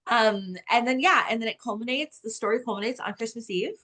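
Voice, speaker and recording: Appearing as an author guest in an interview, a woman chats casually and tells things with animated storytelling, saying "like" a lot. Her voice is fairly high and her pace brisk.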